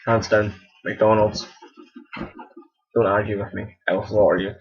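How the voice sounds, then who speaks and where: A man's voice: lowish voice, flat delivery, measured pace, husky. A young man from Scotland with a Scottish accent, casually answering viewer questions in a rambling, self-correcting way. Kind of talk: casual chat. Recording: dull lo-fi home recording.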